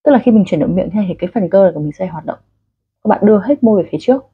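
A woman's voice: mid-range voice, expressive, very fast, husky, phone-quality sound. A woman with a Vietnamese accent teaching English pronunciation online, coaching learners step by step. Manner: friendly coaching, directly addressing learners.

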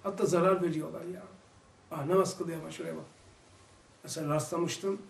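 A man with a Turkish accent giving an informal religious lesson, animated and full of rhetorical questions. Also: on the high side, brisk, gravelly, a little hiss or hum. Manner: animated, acts out quoted voices, rhetorical questions. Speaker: religious teacher. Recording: echoey room, mic some distance away.

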